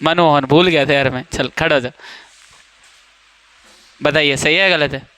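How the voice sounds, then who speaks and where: Young male coaching-class teacher, high clear voice, playful and teasing with students, dry classroom sound. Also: steady tone, measured pace, bright, forceful tone, no room sound. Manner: joking, teasing students, quizzing them by name. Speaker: English teacher. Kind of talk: classroom grammar lesson.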